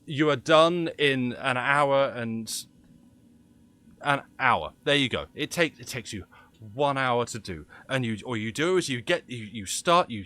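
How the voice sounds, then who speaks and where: A man's voice: mid-range voice, a bit bright. Ranting Cockney man streaming a game. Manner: impassioned ranting, frequent restarts. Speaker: gaming streamer. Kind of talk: casual live-stream chat.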